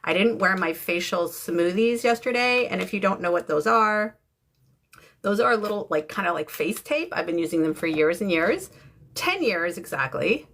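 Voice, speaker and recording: A woman's voice: fairly low pitch, animated, normal speed, fairly bright tone. A woman in her fifties with an American accent, chatting casually and informally to livestream viewers as she hosts. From from the UK, lives in San Francisco. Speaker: livestream host. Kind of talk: casual beauty livestream chit-chat. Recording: clear background noise, room ambience.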